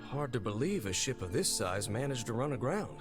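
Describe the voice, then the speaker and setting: An actor playing a young male hero in a video game, speaking in a calm, reassuring way. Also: medium pitch, fairly quick, music in the background, natural voice. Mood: wary. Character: young male hero exploring a wrecked ship.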